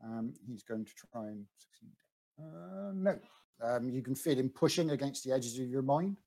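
A man's voice: medium pitch, moderate pace, creaky, dark tone, poor audio. A man narrating as game master of a tabletop game, with frequent ums and restarts. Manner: hesitant, many ums and restarts.

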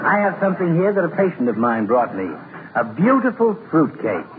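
An actor playing a jovial, sardonic family doctor, droll and mock-polite with friendly insults, in 1950s radio comedy style. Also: male voice, fairly high pitch, very animated, a little fast, a loud crowd. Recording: noisy, narrow-band vintage radio recording.

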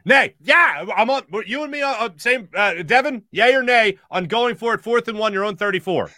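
Male sports-talk host, high and bright, energetic, quick asides, dry close sound. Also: dry recording. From Philadelphia area. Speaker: podcast host.

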